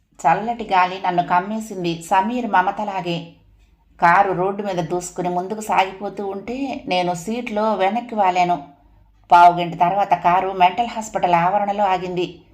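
A woman narrating a first-person family story in a steady, even audiobook reading. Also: mid-range voice, moderate pace.

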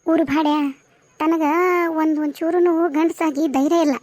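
A woman's voice: sits high, steady tone, moderate pace, dry recording, studio quality, lightly acted. A woman voicing an anxious, scolding village mother in a cartoon, speaking with a North Karnataka Kannada accent. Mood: angry. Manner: loud, scolding, fussing questions. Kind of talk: cartoon voice acting.

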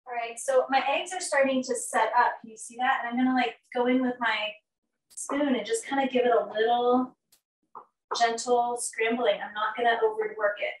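Running a live cooking class in her own kitchen, this middle-aged nutrition educator keeps up a chatty, cheerful patter full of fillers while rushing about the stove. She speaks at a moderate pace in a slightly high voice whose intonation stays fairly even. The audio comes from a laptop or stationary camera across the kitchen, so it sounds distant and roomy.

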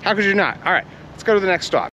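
A man's voice: sits high, big pitch swings, very fast, sharp tone, a little hiss or hum. A man narrating his thrift shopping in a casual vlog, rambling and joking as he addresses viewers as friends. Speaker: thrift reseller vlogger.

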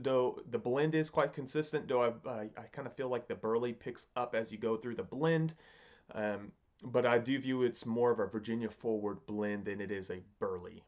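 A man in his thirties giving a casual, unscripted review in a halting, musing way, often rephrasing himself, recorded at a desk in a home study. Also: medium pitch, dull audio. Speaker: pipe tobacco reviewer.

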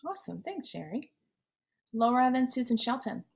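A woman hosting a networking video call, briskly calling on speakers and correcting herself as she goes. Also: on the high side, big pitch swings, vocal fry. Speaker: networking meeting host. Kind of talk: moderating a video call meeting.

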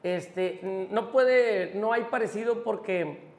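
A man's voice: high voice, slow, echoey room. A man from Monterrey, a grupera singer telling a funny story in a casual interview, acting out voices and swearing freely. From Monterrey, Mexico. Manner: animated anecdote-telling, acts out voices, swears often.

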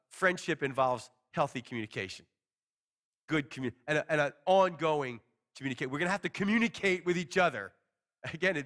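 Pastor guy teaching from a church stage, bright slightly high voice, chatty and gesturing. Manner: conversational, animated hand gestures, paraphrases scripture casually. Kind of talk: expository sermon. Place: church stage before a small seated congregation.

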